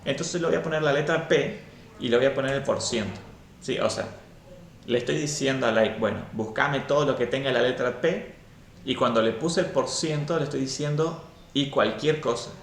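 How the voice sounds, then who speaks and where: A man's voice: medium pitch, moderate pace, echoey room. A man teaching a programming class live and explaining step by step, often checking in with "¿sí?".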